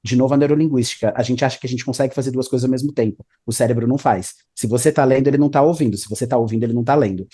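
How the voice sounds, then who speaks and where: A man's voice: mid-range voice, racing, few pauses, warm tone, slightly rough. A man, an English teacher explaining study tips in a casual interview, often adding "né?" and "tá?". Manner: explanatory, repeats 'né?' and 'tá?'.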